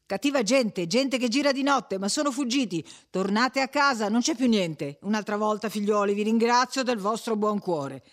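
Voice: medium pitch, normal speed, few pauses, close to an everyday voice. A reader voicing a timid older village priest who nervously thanks the crowd and urges them home. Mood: placating. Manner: nervous, placating, eager to send people away.

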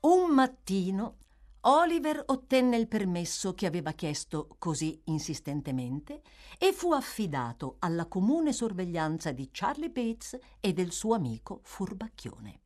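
A woman narrating a classic novel in a lively, theatrical reading style. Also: medium pitch, a little slow. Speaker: audiobook narrator. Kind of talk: expressive literary reading.

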